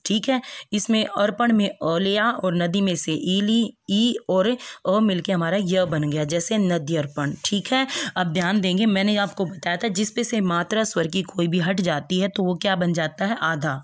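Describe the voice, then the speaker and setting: Woman teacher, lower voice, patient and repetitive, addresses children fondly. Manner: patient, repeats checks like "ठीक है" and "समझ में आया"; calls listeners "बेटा". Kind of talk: Hindi grammar lesson for children.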